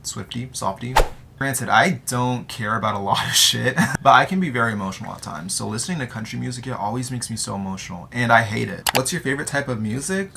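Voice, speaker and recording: With background noise behind him, a 19-year-old American guy talks casually to camera, answering his audience's questions in a joking, slang-heavy way. His medium-pitched voice is creaky and quick, with lively intonation.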